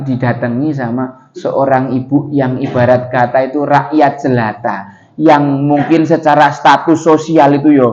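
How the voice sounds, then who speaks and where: A man giving a lively storytelling sermon in a mosque, asking the congregation questions. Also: medium pitch, dull audio. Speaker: preacher.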